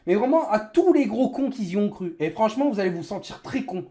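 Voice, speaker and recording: A man's voice: high-pitched, expressive, fairly quick, dark tone. A man livestreaming an angry gamer rant, indignant and sarcastic, hammering phrases with emphatic repetition. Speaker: livestreamer, sim racing gamer.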